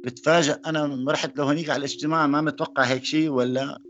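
A man from Syria with a Syrian accent, giving a personal testimony in a halting way, with frequent pauses and restarts. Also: fairly high pitch, fairly even intonation, a bit bright, muffled recording, a little hiss or hum. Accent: Syrian Arabic. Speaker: interviewee.

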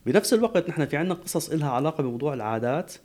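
A man's voice: a little high, animated, racing, a little mellow. A man, a guest expert on a talk show, explaining at length with frequent restarts.

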